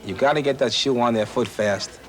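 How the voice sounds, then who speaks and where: A man's voice: mid-range voice, brisk, over music. A man from Western Pennsylvania, a shoe salesman, eagerly telling stories in a busy shoe store and acting out his customers. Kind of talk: interview and on-the-job talk. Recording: 1980s news film with faint ambience.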